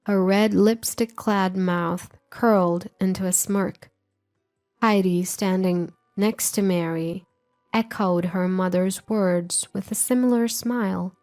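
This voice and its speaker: A middle-aged woman narrates her own scripted story in a calm, somber voice. Her delivery is slow and even, and her tone is mellow and dark. Quiet music sits behind her. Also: medium pitch.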